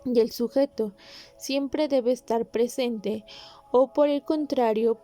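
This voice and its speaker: A woman hosting a podcast, calmly explaining Spanish grammar in a measured, instructive way with pauses. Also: fairly high pitch, soft background music. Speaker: podcast host.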